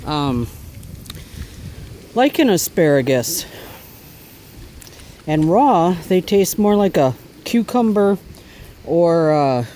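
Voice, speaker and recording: A man's voice: on the high side, sing-song, takes it slowly, long pauses, warm tone, slight background noise, poor audio. Easygoing man chatting outdoors. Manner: chatty, easygoing, talks while eating. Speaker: bushcraft vlogger. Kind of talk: casual outdoor cooking vlog. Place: outdoors by a cooking fire.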